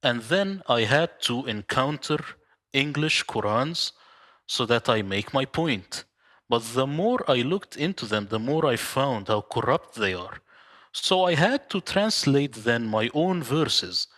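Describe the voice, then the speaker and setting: A man's voice: medium pitch, big pitch swings, measured pace, a bit bright. Arabic-native man, earnest guest on a video call. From Middle East. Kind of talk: interview over video call.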